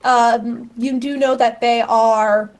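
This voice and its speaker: A woman game master narrating a tabletop game casually, halting and rephrasing as she thinks aloud. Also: on the high side, fairly even intonation.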